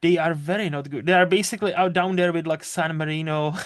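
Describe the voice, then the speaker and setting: This young man from the Czech Republic talks with a Czech accent, his voice sitting somewhat high. He rambles along in a loose, chatty way as a podcast host. The sound is dry and close, with little room. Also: steady tone, quick pace, dry recording. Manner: rambling, chatty, swears casually. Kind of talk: casual podcast chat.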